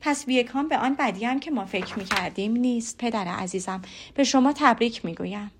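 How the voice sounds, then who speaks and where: A woman voicing an excitable young sister in an audiobook, speaking in breathless, rushed exclamations. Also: on the high side, noisy background, natural voice. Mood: relieved. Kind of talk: audiobook character voice.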